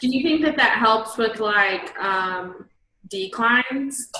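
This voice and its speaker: A woman's voice: on the high side, slow, pushed and bright, echoey room, poor audio. A young woman hosting over a video call, asking her guest questions in an enthusiastic, gushing way and saying "like" often. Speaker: interview host and team leader. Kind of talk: casual video call interview.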